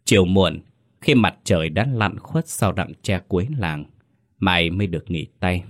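Deep-voiced man narrating a ghost story. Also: moderate pace.

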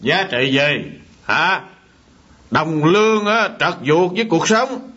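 A man's voice: fairly high pitch, expressive, slow, sharp tone, heavily acted. An actor playing a domineering middle-aged father in a radio drama, scolding harshly. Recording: dull lo-fi radio drama recording.

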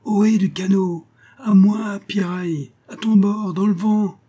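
A man's voice: mid-range voice, fairly even intonation, brisk, dark tone, close to an everyday voice. A man reading aloud and voicing a young ship's boy, eager and devoted, in a raised, boyish tone. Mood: eager calling.

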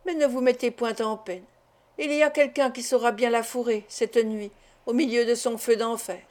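A woman's voice: a little high, steady tone, moderate pace, darkish tone, close to an everyday voice. A woman voicing a superstitious village shepherd in an audiobook, speaking with exclamatory wonder. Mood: uneasy. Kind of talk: audiobook character reading.

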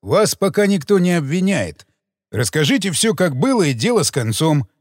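A man reading an audiobook, voicing a deliberate male detective who speaks slowly, measured and knowing. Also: on the high side, sing-song, no echo, studio quality.

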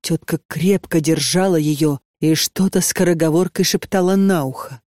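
A storyteller reading an audiobook in a tense, steady way. The pitch sits in the middle, and the recording is very dry and close, with no room sound. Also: moderate pace, dry recording. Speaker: narrator. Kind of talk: audiobook narration.

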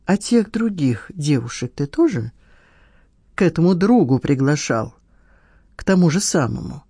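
An audiobook reader voicing a stern, sharp-tongued woman questioning a man. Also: low voice, sing-song, a little slow, breathy edge, no room sound, studio quality, exaggerated voice. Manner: stern, pressing, irritated. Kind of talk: audiobook dialogue.

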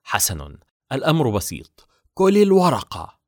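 A man voicing an angry, scornful young wife in a storybook reading, sharp and commanding, on a dry recording. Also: mid-range voice, huge pitch swings, moderate pace, dry recording, pitched above the performer's own voice.

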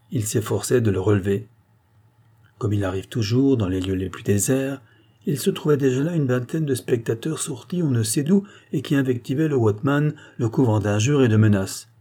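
Male audiobook narrator, mellow and slightly husky, measured delivery. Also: mid-range voice. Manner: measured, unhurried reading with raised acted dialogue. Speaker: audiobook reader. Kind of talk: scripted narration.

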